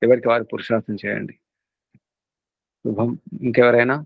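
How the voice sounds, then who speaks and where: In a muffled recording with no room sound, a guru with a Telugu accent delivers a spiritual discourse, earnestly pressing his students and repeating himself over and over. He speaks at a moderate pace in a medium-pitched, level, creaky voice.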